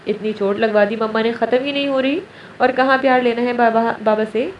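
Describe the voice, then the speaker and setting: A man's voice: extremely high pitch, fairly even intonation. A woman reading a tender, doting father. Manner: tender, coaxing. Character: indulgent loving father, gently teasing. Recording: roomy, distant, dull, faint hiss.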